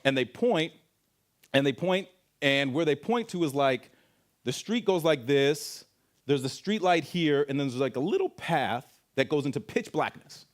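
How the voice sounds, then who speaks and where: A man from Canada, speaking at a camp and telling a personal story in an animated way, acting out voices and sound effects. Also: a little high, unhurried. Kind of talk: storytelling testimony talk.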